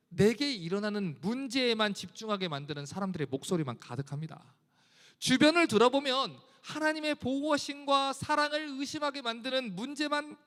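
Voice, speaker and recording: A man's voice: extremely high pitch, fairly bright tone, big-room sound. A male pastor preaching a sermon in a church, earnestly reciting scripture and building in force. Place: church sanctuary.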